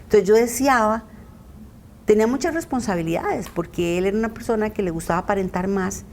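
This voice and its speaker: A woman's voice: medium pitch, brisk, a little mellow, slight background noise. A middle-aged woman giving an earnest personal testimony as a podcast interview guest. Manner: earnest, recounting, often acting out quoted voices.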